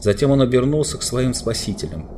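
A man narrating a children's fantasy story in a measured storytelling manner. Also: mid-range voice, animated, warm tone, a little hiss or hum. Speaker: audiobook narrator. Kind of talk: scripted narration.

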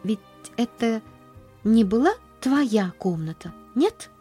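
A bright, high little girl's voice, full of breathless eager cries and swooping up in pitch, an excitable orphan child from a storybook, as a woman puts her on. The tone underneath stays mellow and warm, with faint music behind. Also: moderate pace. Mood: alarmed.

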